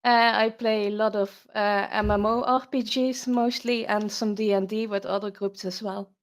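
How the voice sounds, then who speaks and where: A woman's voice: mid-range voice, steady tone, moderate pace. A woman from the Netherlands, a music teacher and player, introducing herself with a friendly tone.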